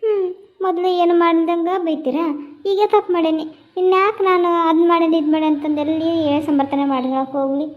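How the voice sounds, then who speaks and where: A woman voicing Radha, a chatty young office worker who talks too much, with a North Karnataka accent and rapid gossipy chatter. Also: very high voice, fairly even intonation, dull audio. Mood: grumbling. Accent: North Karnataka Kannada.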